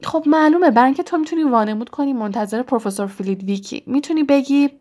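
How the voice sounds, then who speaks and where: A woman's voice: high-pitched, darkish tone, voice pushed up. A woman voicing a cheeky schoolboy who teases and mocks in a storybook reading. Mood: teasing. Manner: teasing and mocking.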